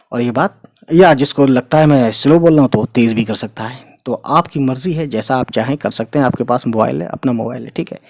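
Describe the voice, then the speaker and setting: A man teaching Urdu words, explaining their meanings and spelling the letters out slowly as he writes, often adding "ठीक है" and "you know". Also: mid-range voice, darkish tone, no room sound. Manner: spells letters out slowly, often adds 'ठीक है' and 'you know'. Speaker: language teacher. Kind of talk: explaining Urdu words while writing them.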